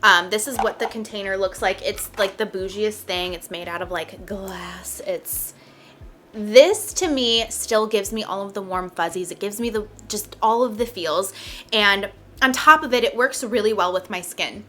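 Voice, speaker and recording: Young woman, beauty vlogger, bright clear tone, mid pitch, chatty, casual review, lots of fillers. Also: normal speed. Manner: chatty, many "like" and "um" fillers, light laughs. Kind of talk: casual product review chat.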